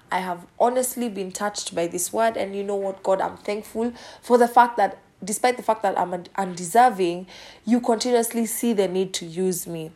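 A woman's voice: mid-range voice, darkish tone. A middle-aged woman hosting a devotional podcast, talking earnestly in a preachy way. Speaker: podcast host.

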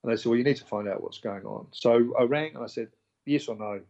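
A man's voice: medium pitch, fast talker, creaky, muffled recording. A man with a New Zealand accent telling his story in casual conversation, acting out the voices of the people he quotes. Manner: animated, acts out quoted dialogue. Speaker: interview guest.

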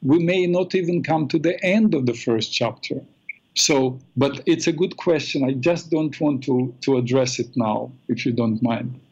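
A man hosting a call-in radio show in a smooth, calm and measured way, heard through a radio broadcast. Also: mid-range voice. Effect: radio broadcast sound. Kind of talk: smooth radio host talk. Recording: dull lo-fi radio sound.

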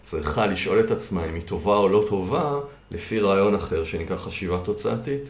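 A man coaching on a podcast, patiently explaining ideas through worked examples. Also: deep voice. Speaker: coach and consultant. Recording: roomy echo.

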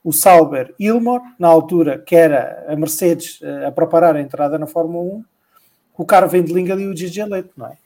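Co-hosting a laid-back motor racing podcast, this man has a fairly high pitch and a warm tone and speaks briskly. His chat wanders as he thinks out loud, with many repetitions.

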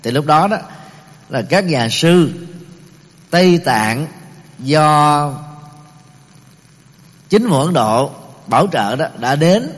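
A middle-aged man giving a Buddhist teaching talk, explaining terms step by step, pausing often and using many fillers. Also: a little high, lively intonation. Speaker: Buddhist lecturer. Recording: long reverb of a large hall.

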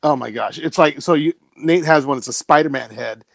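A man's voice: on the high side, fairly quick, creaky, dry recording. A man co-hosting a casual podcast, telling stories in a chatty way and laughing often. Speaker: podcast co-host. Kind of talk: casual chat. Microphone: remote call mic.

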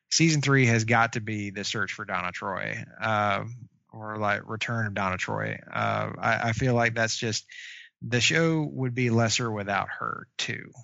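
Gravelly bright-voiced guy chatting casually, lots of uhs, dull dry lo-fi audio. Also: on the low side, no echo. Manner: halting, many fillers and restarts. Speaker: podcast co-host. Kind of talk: casual chat about comic book shows.

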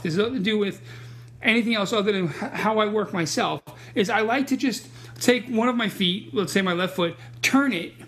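A martial arts teacher talks casually and bluntly in a casual podcast conversation, often repeating words as he restarts sentences. His voice sits high with a fairly bright tone.

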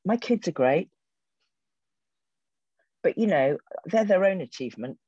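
This English theatre director and actor in her sixties has a fairly low, husky, warm voice that is expressive and measured in pace. Her interview answers are thoughtful and wry, with many restarted sentences. The recording is dull, lo-fi and dry, without echo.

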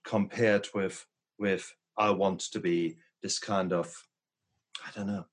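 Deep-voiced reflective middle-aged man. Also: level tone, takes it slowly. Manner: reflective and storytelling. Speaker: interview host. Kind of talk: reflective interview conversation.

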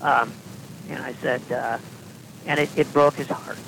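Man, podcast guest, gravelly voice, faint hum behind, rambling deadpan anecdotes. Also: mid-range voice, unhurried. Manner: deadpan, self-correcting storyteller with dry asides. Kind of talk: casual anecdotal storytelling.

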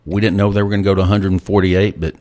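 Very fast and flat, a middle-aged man's low, darkish voice carries his folksy anecdotes and life lessons. He's a guest entrepreneur in a casual storytelling interview.

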